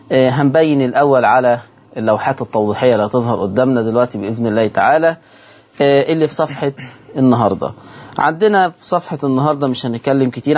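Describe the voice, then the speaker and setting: A man with an Egyptian Arabic accent hosting a televised lesson on Quran recitation. He slowly chants and repeats example words from the verses. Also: mid-range voice, a little mellow, dull audio. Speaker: host and Quran recitation teacher. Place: television studio.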